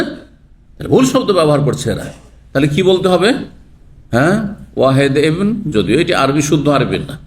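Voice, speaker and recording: A man's voice: mid-range voice, slight background noise. Man lecturing on religious texts. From Bangladesh or West Bengal border region. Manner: questions the audience, lively teaching tone. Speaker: Islamic scholar teaching hadith.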